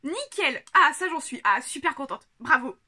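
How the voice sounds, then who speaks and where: A woman vlogger chatting casually to a camera on a tripod, giggling often and filling pauses with lots of hesitations. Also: high voice, lively intonation, sharp tone. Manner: chatty, giggly, many fillers. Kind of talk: casual unboxing chat.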